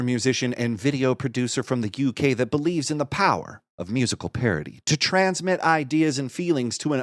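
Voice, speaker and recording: A male podcast co-host with a jokey, upbeat manner. His pitch swings a lot as he talks, and his voice sounds dry and close to the mic. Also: dry recording. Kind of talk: casual chat.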